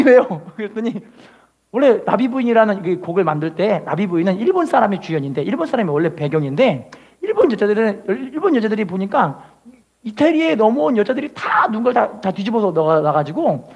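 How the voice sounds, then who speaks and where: A woman's voice: fairly high pitch, darkish tone, husky. A middle-aged woman pastor telling a story in a sermon, acting out quotes and exclaiming hallelujah.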